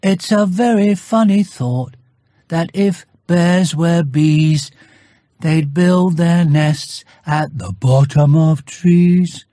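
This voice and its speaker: Man putting on an earnest little storybook bear, high-pitched. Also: dry recording, studio quality. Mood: singing, musing. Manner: slow, pondering, singsong when excited.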